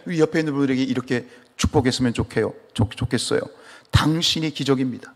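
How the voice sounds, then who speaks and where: A man's voice: mid-range voice, fast, in a large hall. A man from Chungcheong preaching a sermon as pastor, asking the congregation questions and answering them himself. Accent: Chungcheong Korean. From Chungcheong, South Korea. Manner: animated, asks the congregation questions. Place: church sanctuary.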